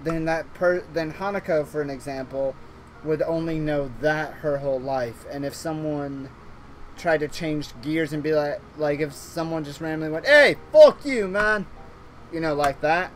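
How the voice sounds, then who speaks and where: A man with a fairly high voice chats through a visual novel stream, rambling and restarting his sentences and breaking into laughter often. A faint hiss sits under the recording. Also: flat delivery, moderate pace. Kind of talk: casual let's-play chat.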